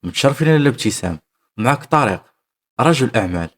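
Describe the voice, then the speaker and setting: A man voicing a wealthy older restaurant owner with a Moroccan accent, speaking softly and politely. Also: medium pitch, animated, fast talker. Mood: courteous. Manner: soft, polite speech.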